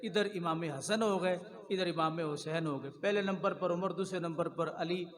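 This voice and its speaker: A male preacher delivers a devotional sermon, moving between quiet storytelling and loud, drawn-out chanted refrains. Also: on the high side. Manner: swings from quiet storytelling to loud sung exclamations. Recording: long hall reverb.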